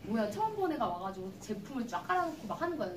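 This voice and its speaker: Chatty woman doing a live skincare demo, high animated voice, echoey hall, mic picked up from far off. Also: quick pace, background noise. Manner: lively, chatty, acts out customer exchanges. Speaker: cosmetics business presenter. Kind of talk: live seminar demonstration and storytelling. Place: large hall with an audience.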